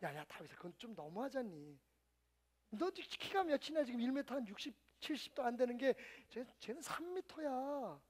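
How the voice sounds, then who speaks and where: A male preacher voicing God as a gentle, teasing father, speaking low and hushed. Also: very animated, moderate pace, exaggerated voice.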